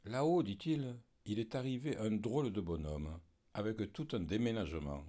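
A man reading aloud and voicing a sly young man from a Provençal village, speaking in a lively, confiding way. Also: lowish voice, normal speed, voice pushed up, close to an everyday voice.

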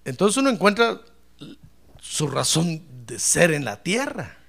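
Fiery, gravelly-voiced preacher man. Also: fairly high pitch, sing-song, a little slow, a little hiss or hum. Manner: fiery preaching, shouting praise; addresses listeners as brother. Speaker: pastor. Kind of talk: sermon.

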